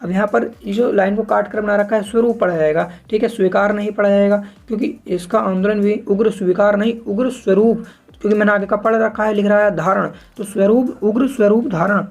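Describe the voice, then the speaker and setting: A man teaching shorthand step by step, spelling out sounds slowly and repeating each word, often addressing viewers as friends. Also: high-pitched, steady tone. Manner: slow and repetitive, spelling out sounds piece by piece and calling viewers "friends". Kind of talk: step-by-step tutorial explanation.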